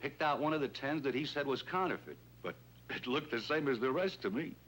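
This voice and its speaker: Lightly acted and animated, this man's medium-pitched, slightly bright voice runs a little fast. He portrays a wary, folksy shopkeeper, a swindled robbery victim in a 1950s police drama, hesitant and plain-spoken with an earnest, rueful feel. The soundtrack is old and noisy.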